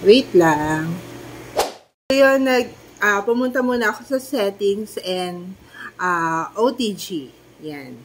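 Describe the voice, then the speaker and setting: A woman's voice: mid-range voice, lively intonation, slow pace, long pauses, a little hiss or hum. A middle-aged woman with a Filipino accent, a nasal voice from a cold, chatting through a home demo of a clip-on mic as she moves between rooms. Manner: chatty, talks viewers through steps. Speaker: vlogger. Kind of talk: casual product demo. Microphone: wireless clip-on mic and phone.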